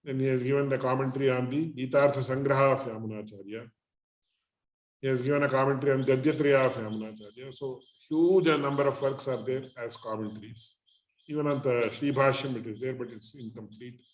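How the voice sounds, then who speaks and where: A man teaching in a measured, deliberate way, phrase by phrase, as in a scholarly religious lecture. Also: medium pitch, fairly even intonation. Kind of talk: lecture on Sanskrit literature and philosophy. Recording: echoey, roomy sound.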